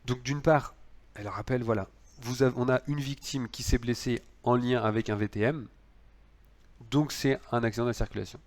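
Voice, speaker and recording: A man's voice: mid-range voice, steady tone, fairly quick. A man lecturing on law, explaining cases with frequent fillers and restarts.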